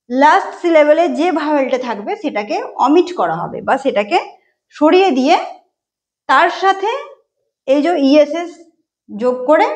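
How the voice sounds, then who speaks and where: A woman teaching an exam-prep grammar lesson, explaining step by step and spelling words out letter by letter. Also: sits high. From Bengal. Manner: explains step by step, often says "ঠিক আছে".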